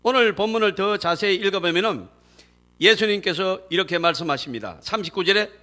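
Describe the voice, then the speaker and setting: A man preaching a sermon in church as pastor, animated and emphatic, acting out quoted speech. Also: high-pitched, brisk. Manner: acts out quoted speech in dramatic voices.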